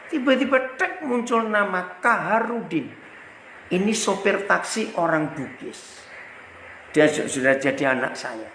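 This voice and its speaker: A high-pitched, gravelly male pastor from Indonesia tells stories in his sermon and acts out each character's lines. His voice rises and falls across a wide range, and it echoes through a hall with a faint murmur of ambience. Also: a little slow, a little hiss or hum. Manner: animated storyteller, acts out dialogue. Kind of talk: storytelling sermon.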